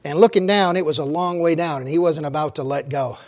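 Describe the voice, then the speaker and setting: A man preaching a sermon, telling stories with big swings in loudness and slowing low for emphasis. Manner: slows and drops low for emphasis. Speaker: pastor.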